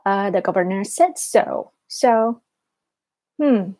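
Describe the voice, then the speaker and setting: A woman chatting casually on a live stream, keeping her voice quiet late at night as if someone is asleep nearby. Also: medium pitch, expressive, slow pace. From Japan. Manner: quiet, hushed late-night talk so as not to wake a sleeper. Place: small room in a tiny two-room home.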